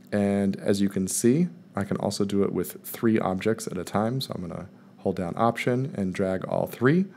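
Calm low-voiced man explaining a screencast. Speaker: math teacher presenting a tutorial. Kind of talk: screencast software tutorial. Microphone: voice-over recorded over screen capture.

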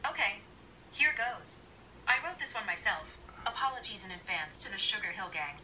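A synthetic female voice assistant with a too smooth android sound, answering in polished, even replies from a phone. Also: medium pitch, moderate pace, slight background noise, low-quality recording. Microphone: played from a phone speaker.

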